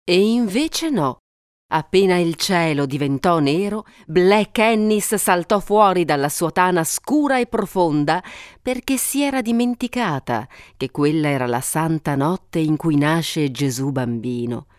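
A woman tells an old fairy tale with dramatic, suspenseful reading. Her voice is fairly low and swings widely in pitch, recorded dry and close. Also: expressive, measured pace, a little mellow, dry recording. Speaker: storyteller. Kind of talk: expressive fairy-tale narration.

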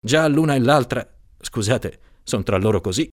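A man's voice: medium pitch, lively intonation, normal speed, dry recording, clean studio sound, lightly acted. A man reading aloud, voicing an exasperated middle-aged judge who exclaims in a raised, incredulous voice.

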